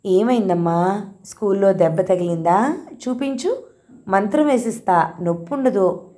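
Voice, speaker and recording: A loving grandmother in a storybook reading, tender and coaxing as she comforts a crying child, voiced by a woman narrator. Her tone is warm and mellow, slow and patient, close to the reader's own voice. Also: mid-range voice, close to an everyday voice. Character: loving grandmother, gentle and soothing.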